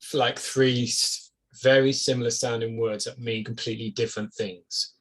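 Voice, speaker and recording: A man's voice: mid-range voice, flat delivery, moderate pace. A middle-aged man, hosting a casual interview, chatty and jokey with anecdotes. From Wales. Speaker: podcast host.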